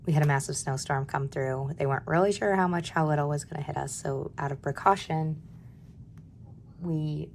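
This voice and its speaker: A woman in her thirties with a hoarse voice from a cold, chatting candidly while she budgets and sometimes dropping to a near-whisper. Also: low voice, steady tone, normal speed, darkish tone, a little hiss or hum. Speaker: budgeting vlogger. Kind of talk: casual chat while stuffing cash envelopes.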